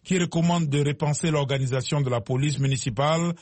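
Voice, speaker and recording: A man presenting the radio news in a formal, measured way. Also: on the high side, darkish tone, no room sound. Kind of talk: scripted news reading.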